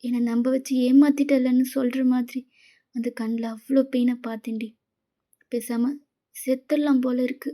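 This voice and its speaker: A woman's voice: high-pitched, little pitch movement, normal speed, long pauses, dark tone. A woman voicing a tearful young heroine. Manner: tearful, pleading. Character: grieving young woman who betrayed her lover.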